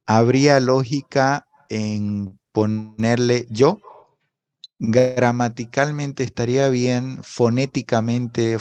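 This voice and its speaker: A man teaches a language class over a video call, his mid-range voice darkish and smooth. He explains patiently in this online lecture, often checking in with a questioning "right?". The sound comes through a video call microphone.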